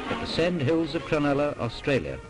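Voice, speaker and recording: A man's voice: a little high, big pitch swings, brisk, loud music behind the voice. A man narrating a 1930s newsreel in a formal, declaiming manner, heard through old archival sound.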